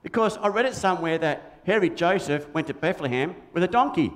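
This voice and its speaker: A man's voice: high-pitched, lively intonation, fairly quick. A man voicing Big Red, a cheeky, toy-mad children's puppet with an Australian accent, in a church puppet show. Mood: cheeky confused. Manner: bouncy, silly, easily confused, sings.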